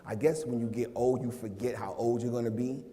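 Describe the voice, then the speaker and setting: Male minister, 40s, casual jokey sermon voice; mellow tone, long church reverb. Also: mid-range voice, fairly even intonation, brisk. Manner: joking, conversational preaching with playful asides. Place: church sanctuary.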